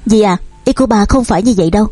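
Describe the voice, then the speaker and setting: A woman voicing a soft-spoken, gentle eldest son. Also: medium pitch, racing, dry recording, faint music behind, close to an everyday voice. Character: calm, warm eldest son, a young man.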